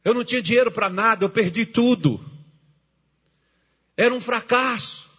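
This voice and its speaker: A middle-aged man preaching a sermon as pastor, moving from hushed storytelling to shouted exhortation. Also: very high-pitched, normal speed, husky.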